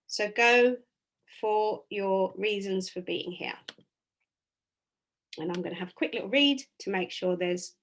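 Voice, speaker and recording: Leading an online wellbeing session on video, a woman chats directly, with lots of ums and false starts and long pauses. Her medium-pitched voice is fairly bright yet a touch raspy today, and she speaks a little slowly.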